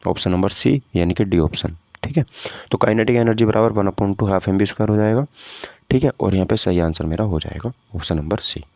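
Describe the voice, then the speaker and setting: In a dry recording, a male physics teacher preparing students for exams talks informally in a low, creaky, darkish voice. He takes practice questions one step at a time, often raising questions that he then answers himself.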